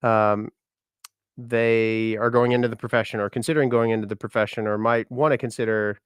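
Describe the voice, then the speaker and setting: A man's voice: fairly low pitch, fairly even intonation, brisk, clean tone, dry recording. A man chatting casually to his vlog audience, rambling and self-deprecating. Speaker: musician and content creator.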